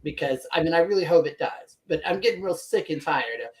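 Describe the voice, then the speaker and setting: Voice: mid-range voice, expressive, fairly quick, poor audio. Casting note: co-host in an everyday political chat, emphatic and sardonic, prone to stammering. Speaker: podcast co-host.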